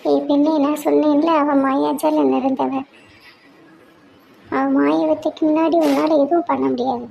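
A woman's voice: sits high, flat delivery, normal speed, gravelly, mellow. A woman voicing a sly man who coaxes a girl to trust him in a magic fort story, in a noisy recording. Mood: coaxing. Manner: coaxing, insistent. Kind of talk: storybook voice acting.

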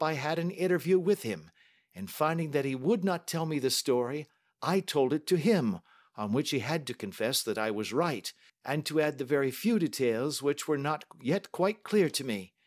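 A man reading a cool, self-assured detective who speaks in steady, measured sentences and keeps a stern, authoritative tone. The voice sits a little high for a man. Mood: composed.

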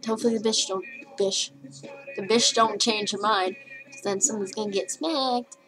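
A woman's voice: medium pitch, fairly even intonation, normal speed, rough recording. A teenage girl recording a casual video message to a crush, giggly and nervous, rambling and swearing a lot. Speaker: vlogger. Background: faint music playing.

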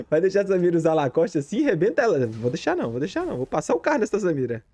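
A man from Brazil, a gaming streamer giving excited, jokey commentary as he plays, repeating his callouts and shouting at big plays. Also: sits high, fast talker.

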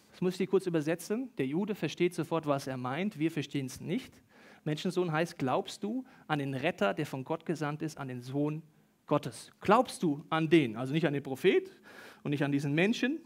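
A man preaches with a high, lively voice in a church hall, addressing the congregation directly. He reads Bible passages aloud and acts out the quoted people as he goes. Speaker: pastor. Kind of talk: lively sermon with Bible reading. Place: church service hall with an audience. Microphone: stage microphone.

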